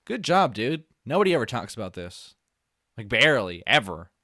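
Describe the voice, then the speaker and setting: A man streaming live, reacting to a video with excitable, swearing, joking commentary. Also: mid-range voice, moderate pace, no echo, studio quality. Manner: excitable, swears, laughs and jokes a lot.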